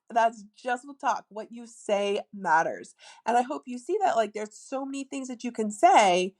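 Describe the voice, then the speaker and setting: A woman hosting a podcast and giving dating advice in a casual, chatty monologue, with lots of filler words and playful asides. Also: on the high side. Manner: demonstrates a lilting flirty tone. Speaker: podcast host, dating coach.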